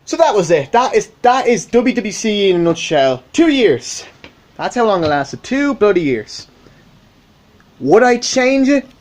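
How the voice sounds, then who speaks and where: Rambling lad with a lively voice. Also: male voice, sits high, normal speed, soft background music. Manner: rambling, self-correcting, swearing. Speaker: YouTube channel creator. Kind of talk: casual vlog monologue.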